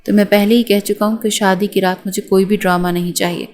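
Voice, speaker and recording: A woman's voice: mid-range voice, fairly even intonation, a little mellow, natural voice. A woman voicing an angry, domineering young husband in an audiobook, harsh and commanding. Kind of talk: audiobook character reading.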